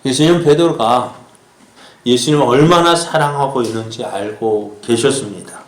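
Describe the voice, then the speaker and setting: A male pastor preaching a sermon, asking the congregation questions and slowing down to act out quoted lines. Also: medium pitch, reverberant. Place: church sanctuary.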